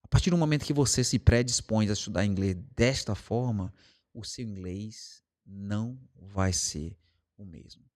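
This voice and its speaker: A man's voice: lowish voice, normal speed, darkish tone. A Brazilian man who teaches English, talking casually and explaining his method with everyday examples. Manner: explains with everyday examples and acted quotes, varying pace. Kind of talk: casual monologue to camera.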